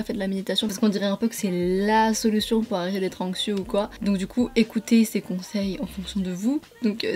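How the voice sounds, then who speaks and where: A young beauty and lifestyle vlogger with a warm, medium-pitched voice chats casually to her followers while doing her makeup. Her talk is informal, slangy, and rambling, and she often corrects herself.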